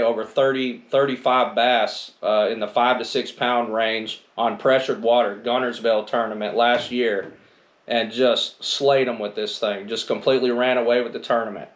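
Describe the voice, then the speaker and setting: Middle-aged American guy, easygoing colloquial talker, average pitch, recorded with noticeable room echo. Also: level tone, moderate pace. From northern United States. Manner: colloquial, says "man" and "you know". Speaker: angler presenting gear. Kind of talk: casual chat. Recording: roomy echo, faint noise.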